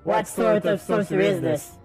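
A man in his thirties streaming a game live over a headset mic, excitable and swearing as he reacts and talks to his chat. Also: high-pitched, moderate pace, soft background music. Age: 30s. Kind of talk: gaming livestream commentary. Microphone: livestream headset mic.

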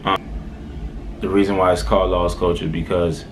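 A young Haitian vlogger with a light accent talks casually to a camera close in front of him in a small room. His voice is deep and flat and comes fairly quick, with slight background noise. He's laid-back and rambling, full of "um"s and "all right"s.

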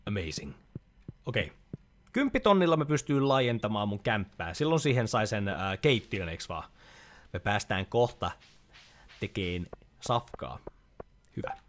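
Lively chatty gamer guy. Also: fairly low pitch, long pauses. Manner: chatty, reads game dialogue aloud, jokey asides. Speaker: gaming YouTuber. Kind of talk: casual let's-play commentary.

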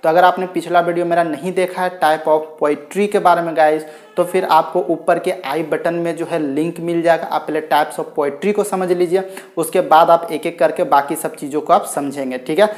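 A man's voice: on the high side, steady tone, moderate pace. A young man giving a chatty video lecture on poetry to students, often saying "guys" and "okay". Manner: chatty, repeats "theek hai" and "guys" often. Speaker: English literature teacher.

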